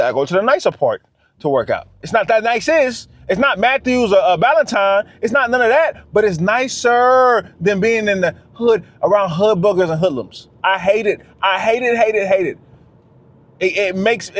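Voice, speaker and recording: Guy with a high voice ranting on his vlog, slangy, says stuff twice for emphasis. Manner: emphatic, repeats phrases, slangy. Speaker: vlogger. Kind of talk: casual monologue vlog.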